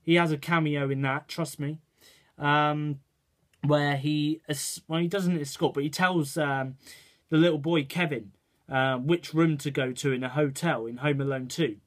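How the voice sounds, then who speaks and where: A man's voice: on the high side, steady tone, a little slow. A man ranting his opinions to camera in a rambling way, checking in with "right" and "okay". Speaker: vlogger. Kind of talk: casual opinion rant to camera.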